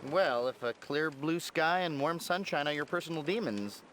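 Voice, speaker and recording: A man's voice: on the high side, normal speed, fairly bright tone, a little hiss or hum, close to an everyday voice. An actor playing a young male time-travel agent who speaks in a dry, polite and lightly sarcastic way.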